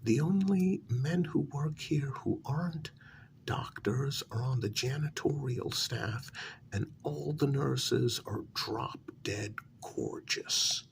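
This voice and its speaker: Insistent and incredulous, a man of medium pitch portrays a delusional, frustrated psychiatric patient who thinks the world is his creation. It's a soft-spoken ASMR role-play, breathy and often whispered, full of halting, pointed questions, with slight background noise.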